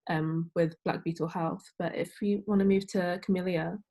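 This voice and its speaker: Woman hosting a video call panel, a bit low-voiced, chatty and loose with lots of likes. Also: fairly even intonation, normal speed, dark tone. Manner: loose, chatty, many fillers. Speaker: moderator. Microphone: video call mic.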